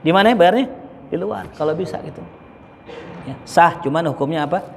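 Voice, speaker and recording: Male preacher, chatty and joking, fairly high voice, echoey mosque hall, faint ambience. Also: fairly quick, creaky, slight background noise. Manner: joking, chatty, acts out examples. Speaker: Islamic preacher. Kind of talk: casual mosque study lesson.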